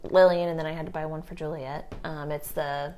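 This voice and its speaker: A woman's voice: deep voice, flat delivery, fairly quick, darkish tone. A woman in her thirties co-hosting a parenting podcast, talking in a rambling, casual way with lots of fillers. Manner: chatty, rambling with many fillers. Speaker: podcast co-host. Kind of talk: casual chat.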